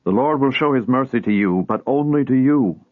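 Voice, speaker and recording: A man's voice: mid-range voice, lively intonation, fairly quick, no room sound, pitched above the performer's own voice, close to an everyday voice. A man voicing a solemn, commanding heavenly messenger who gives orders, in a storybook reading. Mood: stern. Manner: stern, commanding. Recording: tinny phone-like sound.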